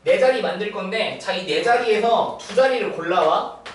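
A woman's voice: mid-range voice, expressive, moderate pace. A young woman tutoring math one-on-one, walking a student through each step and checking in with frequent tag questions. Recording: roomy distant mic with faint noise.

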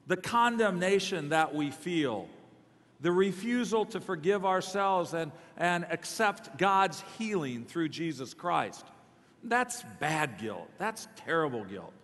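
A middle-aged man preaching a sermon in a large church hall, telling a personal story with self-deprecating humor and lively swings between loud and soft. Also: fairly high pitch, slow. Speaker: guest preacher. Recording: long reverb of a large hall.

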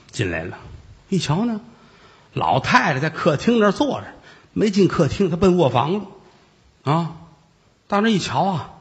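A man's voice: medium pitch, creaky, in a large hall. A man telling a traditional tale in a wry, conversational way with asides. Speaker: storyteller. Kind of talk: traditional oral storytelling.

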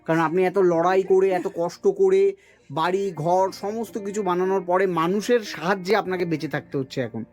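Gentle consoling male interviewer. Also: sits high, moderate pace, soft background music. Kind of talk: sympathetic interview questions.

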